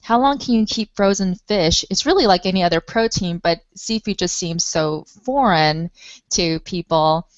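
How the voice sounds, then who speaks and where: Casting: earnest woman, low-set voice, dry and close, lo-fi web stream. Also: moderate pace, no echo. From Taiwan. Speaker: nonprofit spokesperson. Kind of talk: panel discussion.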